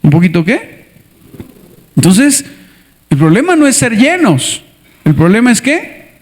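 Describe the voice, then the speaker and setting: High-voiced, animated pastor preaching. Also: male voice, a little slow. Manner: animated, asks the congregation for responses; acts out scenes with character voices. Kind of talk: lively sermon with acted skits.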